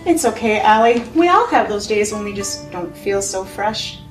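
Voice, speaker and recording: A woman's voice: mid-range voice, expressive, normal speed, soft background music, close to an everyday voice. A woman playing a breezy, reassuring friend in a comedy sketch, casual and teasing. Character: breezy, reassuring female friend pushing a gadget. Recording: echoey room, distant mic.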